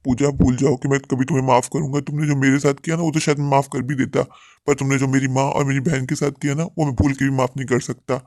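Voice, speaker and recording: A stern, unforgiving husband in a cartoon family drama, voiced by a man. He talks fast in a flat, level tone, cold and firm. The sound is dry and close. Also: mid-range voice, dry recording, lightly acted. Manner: cold, firm, rapid delivery. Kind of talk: dubbed Hindi cartoon story.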